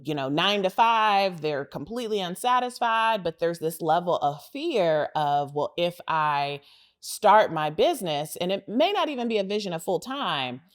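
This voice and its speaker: A woman's voice: medium pitch, expressive, moderate pace, hardly any pauses. A woman hosting a podcast interview, asking open questions and affirming her guest. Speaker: podcast host.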